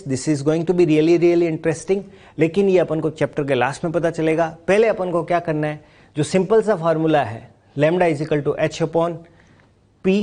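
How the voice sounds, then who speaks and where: A man's voice: a little high, a little mellow. A man teaching a physics lecture, mixing Hindi and English, explaining step by step and asking and answering his own questions.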